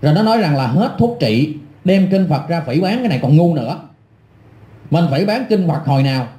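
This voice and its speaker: A middle-aged man hurls insults in an angry, repetitive rant, his voice sitting high but sounding dark and mellow. He talks like an online commentator tearing into his critics. The sound bounces around a roomy, echoey space. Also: sing-song, a little fast. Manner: insulting, scornful, repetitive ranting. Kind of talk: angry ranting monologue.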